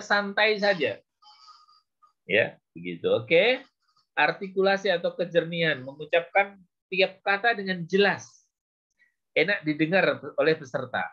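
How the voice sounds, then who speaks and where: Slow-talking man lecturing, lo-fi. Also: on the high side. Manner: slow, with frequent "ya" and "gitu ya" fillers. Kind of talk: lecture on public speaking. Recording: dull lo-fi recording.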